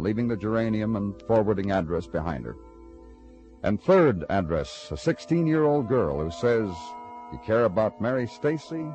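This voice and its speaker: An actor plays a tired, hard-boiled city detective who narrates in clipped, world-weary lines. His voice sits fairly low. Faint music runs under a 1950s radio drama. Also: darkish tone, close to an everyday voice, poor audio.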